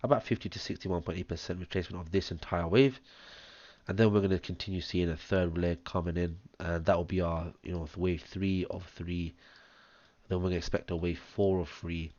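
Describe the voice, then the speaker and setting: A trading analyst with a deep, hoarse voice and a chesty cough works through a chart on a screen share, counting waves step by step with many ums. He talks fairly quickly in a flat, even delivery. The dry, dull sound is close-miked with audible breathing and no room sound.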